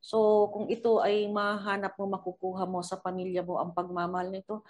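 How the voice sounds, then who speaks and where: A woman's voice: mid-range voice, monotone, brisk, a little mellow. Reflective woman radio co-host. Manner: reflective, responds to the guest with a personal memory. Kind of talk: radio talk show hosting.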